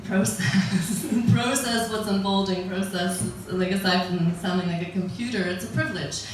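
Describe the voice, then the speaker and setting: At a normal speed and a mid-range pitch, the middle-aged woman from the United States works through her stand-up set, wry and chatty and chuckling at her own lines. The echoey recording catches her from a distance along with a little hiss or hum.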